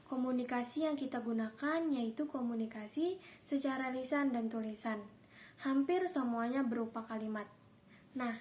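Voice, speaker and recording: A woman's voice: on the high side, a little mellow, slight background noise. A woman teacher giving a classroom grammar lesson, explaining steadily and reading out example sentences.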